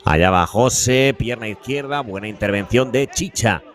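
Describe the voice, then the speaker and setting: A man giving live beach soccer play-by-play as a commentator, with breakneck goal commentary and drawn-out, repeated goal calls. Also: mid-range voice, faint music behind. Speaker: sports commentator.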